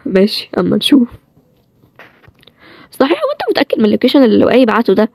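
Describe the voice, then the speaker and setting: A woman voicing a sharp-tongued young heroine with an Egyptian accent, in a bantering, higher-pitched way. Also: sing-song, fast talker, creaky, no echo, exaggerated voice. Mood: playful. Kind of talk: storybook role-play series.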